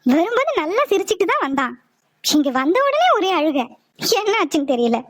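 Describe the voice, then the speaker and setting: A woman voicing an older female relative in an animated cartoon, exasperated while handing back a crying baby. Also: very high voice, moderate pace. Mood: fussing.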